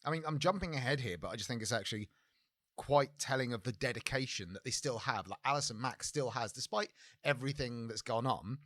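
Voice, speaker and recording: A man's voice: mid-range voice, fairly quick, a bit bright, no room sound, clean studio sound. A man co-hosting a podcast in casual chat, with a blunt, sweary way of talking. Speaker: podcast co-host.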